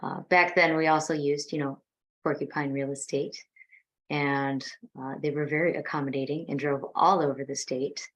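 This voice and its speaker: A woman's voice: sits low, fairly even intonation, moderate pace, a bit bright, dull audio. A married woman on a panel, recalling her house hunt with frequent hesitations. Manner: hesitant, lots of fillers. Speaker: panel guest. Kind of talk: casual panel chat.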